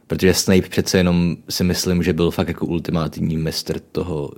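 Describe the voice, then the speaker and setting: A man's voice: low voice, little pitch movement, a little mellow. A young man from the Czech Republic co-hosting a casual book chat, musing aloud with jokey asides. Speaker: podcast co-host.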